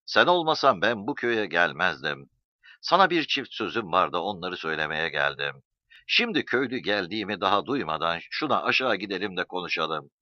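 A man's voice: low-pitched, big pitch swings, brisk, no room sound. A man reading a story, voicing a changed young man who speaks earnestly and heavily. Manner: earnest, heavy sighing. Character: young man returned home changed, brooding. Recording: dull dry recording.

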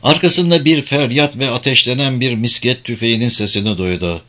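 A man reading an adventure novel aloud in measured, dramatic audiobook narration. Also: mid-range voice, sharp tone.

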